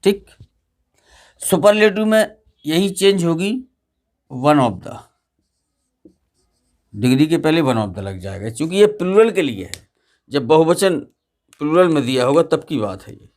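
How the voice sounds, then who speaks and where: Male teacher with a slightly high voice, drilling grammar rules in class through call-and-response. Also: very animated, unhurried, long pauses, a little mellow. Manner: asks students questions and repeats the answers.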